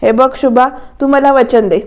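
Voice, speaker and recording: A woman's voice: high voice, normal speed, muffled recording. A woman voicing an aging father who scolds and repeatedly presses his wife about money. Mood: insistent. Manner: insistent, scolding, repeats demands.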